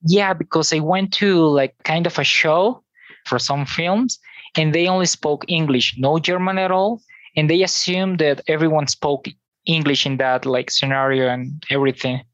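A guest from Venezuela speaks English with a Venezuelan Spanish accent, easygoing and halting. The voice sits mid-range and the audio is dry and a touch dull, like lo-fi sound. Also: mid-range voice, steady tone, a bit bright, no room sound. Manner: easygoing, talks in loose halting phrases. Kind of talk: casual interview chat.

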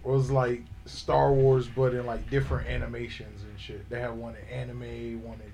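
A man's voice: mid-range voice, little pitch movement, normal speed, a crowd in the background, low-quality recording. A man chatting casually with friends, reacting and asking things in slangy frat-bro style. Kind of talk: casual group chat with friends.

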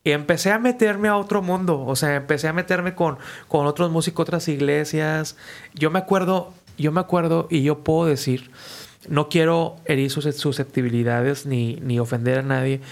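A man, a musician guest casually telling stories in an animated, slangy way and acting out the people he quotes. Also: fairly high pitch, moderate pace, vocal fry. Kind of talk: casual storytelling.

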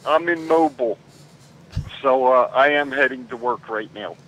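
A man in his sixties calls in over a car speakerphone from behind the wheel. His tone is bright and forward. He is courteous, calls people sir, and stops to restart his sentences. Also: medium pitch, low-quality recording. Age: 60s. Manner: polite and affectionate, says sir, halting restarts. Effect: car speakerphone call while driving. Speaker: radio show caller. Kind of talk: casual call-in chat. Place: in a car driving.

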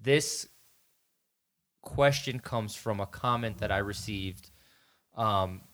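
A man hosting a casual podcast, phrasing his thoughts in a measured, deliberate way. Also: lowish voice, fairly bright tone. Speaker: podcast host.

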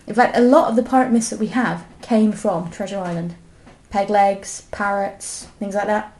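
A woman's voice: medium pitch, fairly even intonation, normal speed, darkish tone. A woman co-hosting a casual history podcast, explaining at length and correcting her co-host.

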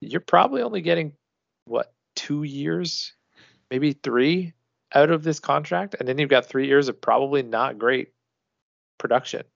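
Co-hosting a casual hockey podcast, a man chats loosely, swearing and restarting his sentences. He has a medium-pitched, gravelly voice and an unhurried pace, captured in a dull, lo-fi, dry recording with no echo.

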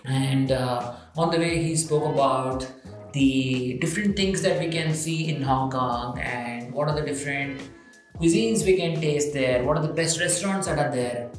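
A man's voice: medium pitch, moderate pace, soft background music. A man telling a travel story in a casual monologue, enthusiastic and emphatic, with lots of fillers. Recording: very echoey room.

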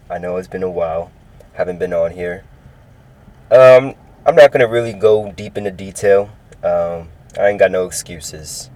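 This is a deep, dark-toned male voice with some hiss or hum on a poor recording. He's a Californian in his early twenties, cheerfully rambling and repeating himself as he runs his solo sports podcast.

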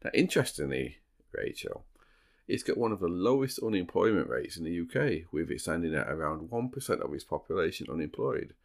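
Very deep-voiced man hosting a podcast. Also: big pitch swings, brisk, vocal fry. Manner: teasing, dry humour. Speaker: podcast host. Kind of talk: true crime podcast storytelling with casual banter.

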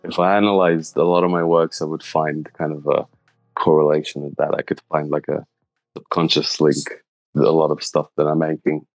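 Man, 30s, very deep voice, dry close sound, halting and thoughtful. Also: little pitch movement, dry recording, soft background music, poor audio. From Slovenia. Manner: thoughtful, halting, searching for words. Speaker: interviewee, illustrator. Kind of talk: casual interview answers.

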